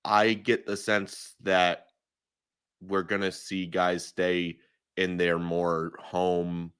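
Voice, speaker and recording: A man's voice: low-pitched, little pitch movement, very slow, fairly bright tone, clear, resonant tone, no echo, studio quality. A man giving emphatic, opinionated takes as a guest in a casual podcast chat, often restarting his sentences. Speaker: guest analyst.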